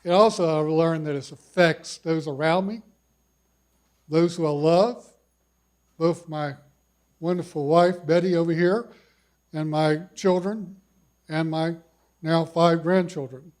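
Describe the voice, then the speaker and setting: An older man, a cancer survivor with a big voice, relates his story to a conference hall audience in a folksy, self-mocking way. His voice is on the high side, steady and a little mellow, and he speaks unhurriedly with frequent pauses.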